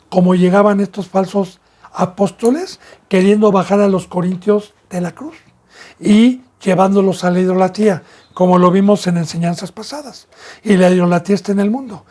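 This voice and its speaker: A man, a pastor giving an emphatic sermon that leans into vivid storytelling. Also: sits high. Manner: emphatic preaching, acting out shouted scenes.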